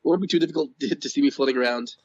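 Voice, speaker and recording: A man guest in a casual interview, hoarse with his voice going out, talking in a rambling, enthusiastic way. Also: medium pitch, racing, darkish tone. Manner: rambling, enthusiastic, laughs often. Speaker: podcast guest. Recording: dull lo-fi audio.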